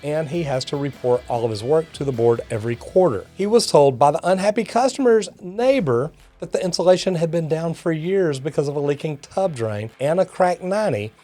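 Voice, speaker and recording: Faint music sits behind a brisk, animated Texan man whose voice is a little high and mellow, with hardly any pauses. Middle-aged or older, he's a master plumber hosting a video, reading comments out and reacting folksily to his "y'all" and "guys."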